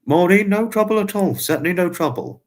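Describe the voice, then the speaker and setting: A man's voice: high voice, lively intonation, a little fast. Chatty young man hosting a livestream. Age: 20s. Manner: chatty, repeats himself, quaintly formal phrasing. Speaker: livestream host. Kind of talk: casual livestream chat with viewers.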